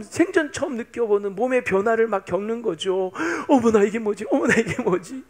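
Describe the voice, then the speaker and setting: A man in his fifties, a pastor preaching a sermon in a chatty, playful way, teasing the congregation. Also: high-pitched. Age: 50s.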